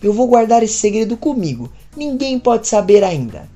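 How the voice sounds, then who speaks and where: A woman's voice: a little high, sing-song, normal speed, dark tone, faint music behind. A woman voicing an upset young married woman who speaks anxiously and pleadingly. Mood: distressed.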